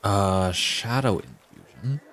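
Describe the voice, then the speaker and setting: A man's voice: on the low side, very animated, takes it slowly, fairly bright tone. A man giving casual gameplay commentary, muttering and thinking aloud as he plays. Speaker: video game player. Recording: faint game music behind.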